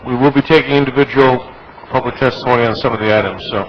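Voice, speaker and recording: A man's voice: medium pitch, steady tone, fast, lo-fi sound. American man chairing a meeting, background noise. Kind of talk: procedural meeting talk. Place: government meeting room.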